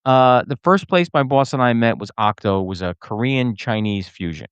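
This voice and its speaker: A man co-hosting a podcast, telling a ranting story in casual chat and mimicking people in high voices. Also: normal speed, clean tone, dry recording, muffled recording. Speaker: podcast co-host.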